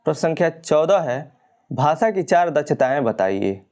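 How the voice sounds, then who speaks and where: A man's voice: on the high side, big pitch swings, normal speed, darkish tone. A male teacher steadily working through exam questions and answers, explaining each point and correcting printed mistakes. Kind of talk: exam-prep lesson reading questions and answers.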